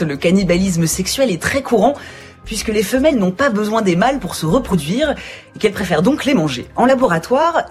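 Female science news reporter, lively intonation, conversational scripted briefs over a music bed. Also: medium pitch.

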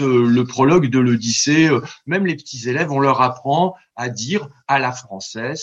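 Man, scholarly guest, husky slightly high voice, dull lo-fi sound, rambling and stammering. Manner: digressive, stammering restarts, lively demonstrations of recited verse. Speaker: translator and scholar of ancient Greek. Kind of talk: radio interview, explaining at length.

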